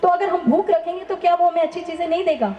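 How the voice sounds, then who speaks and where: A woman's voice: very high-pitched, fast talker, mellow, roomy sound, highs cut off. A woman telling a personal faith testimony in an earnest, emphatic way, often asking rhetorical questions. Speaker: testimony speaker.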